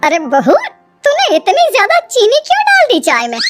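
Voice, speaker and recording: A woman's voice: very high voice, sing-song, normal speed, loud music behind the voice. A woman voicing a fault-finding mother-in-law who scolds her daughter-in-law. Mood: scolding.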